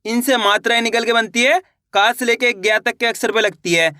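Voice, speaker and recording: A man's voice: very high-pitched, steady tone, a little fast, sharp tone, no room sound, clean studio sound. A young man teaching a beginner reading lesson, patiently repeating each question and answering it himself.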